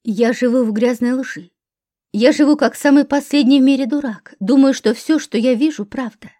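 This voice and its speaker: A woman reading the part of a furious, bitter husband who shouts accusations at his wife in an audiobook. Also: high voice, normal speed, lightly acted.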